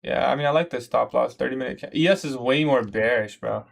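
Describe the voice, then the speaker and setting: Fast with vocal fry, this man's voice sits at a medium pitch. He's a 21-year-old from Iraq who streams his day trading live, commenting on trades and replying to chat casually with slang, often calling viewers "bro."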